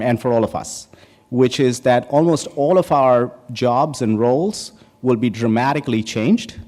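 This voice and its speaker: This keynote speaker, a man from India in his forties, has a mid-range, slightly dark voice picked up by a podium microphone in a large, echoing conference hall. His opening talk is loose and joking, full of ums and false starts as he banters with the crowd.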